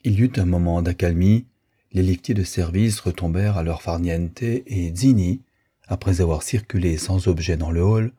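A man narrating a novel as an audiobook, in a steady, measured storytelling manner. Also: deep voice, breathy edge.

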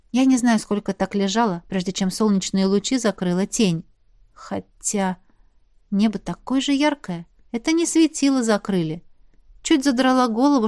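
A woman narrates a first-person audiobook in a steady, even manner. Her voice sits a little high. The recording is close and dry, with no room echo. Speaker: audiobook reader.

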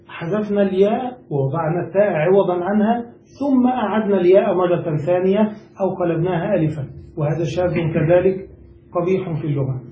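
A man's voice: high voice, mellow, a little hiss or hum. A man teaching a classical grammar lesson, explaining step by step and quizzing his students. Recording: echoey room, voice far from mic.

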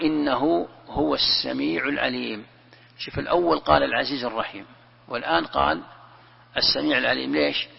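A sheikh teaching Quran commentary gives a religious lesson in a conversational style, posing questions and answering them himself. His voice is mid-range, husky, with vocal fry. The lo-fi recording carries a long reverb.

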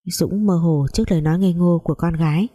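A woman narrating a melodramatic family story, reading every character in a mostly even voice. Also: lowish voice, quick pace.

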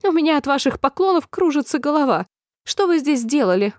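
Storybook villain queen, shrill furious screeching voice, high and harsh, read by a woman. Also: sing-song, a little fast, darkish tone, no echo, clean studio sound. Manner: shrieking, barking orders.

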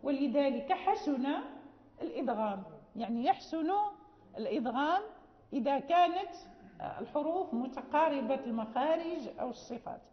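A woman's voice: high voice, lively intonation, moderate pace. A woman teaching a class on Quran recitation, explaining patiently and often checking that students follow. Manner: patient explaining, frequent restarts and checking questions. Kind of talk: classroom lecture. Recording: echoey hall, dull lo-fi sound.

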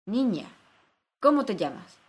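A woman's voice: mid-range voice, very animated, a little slow. Woman voicing a shrieking, imperious card queen. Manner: imperious, shouting orders. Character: haughty, furious queen of playing cards. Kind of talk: storybook reading.

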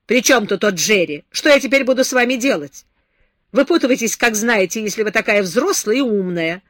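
A woman reading a stern, sarcastic man who lectures a drunk young woman, with a loud, raised delivery. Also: a little high, fairly quick, dry recording, clean studio sound, voice pushed up, lightly acted. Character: stern scornful man scolding a drunk girl.

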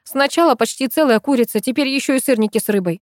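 A woman's voice: sits high, fast, no echo, studio quality, voice pushed up, close to an everyday voice. A woman reading the part of a feisty, scolding young heroine in an audiobook. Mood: sarcastic. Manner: sharp, scolding, shouting. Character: bossy feisty young woman, quick to fight.

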